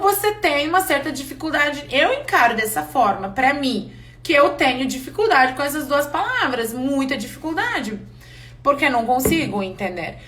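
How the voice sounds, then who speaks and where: A woman who did not grow up speaking Portuguese, teaching a live online English class and talking in a candid, chatty, expressive way. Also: high-pitched.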